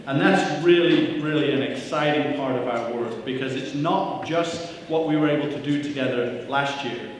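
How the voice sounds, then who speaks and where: At a breakfast event in a church hall, a man acting as CEO delivers an upbeat welcome to the audience, making self-deprecating jokes and saying "uh" often. His mid-range voice runs at normal speed with hardly any pauses. He uses a handheld mic, and the echoey hall is captured from a distance.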